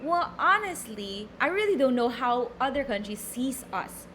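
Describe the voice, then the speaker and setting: A woman's voice: a little high, very animated, measured pace, fairly bright tone, slight background noise. A young Filipino woman with a Filipino accent, teaching a recorded lecture, reading from slides and explaining with many fillers and repeated words. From Philippines.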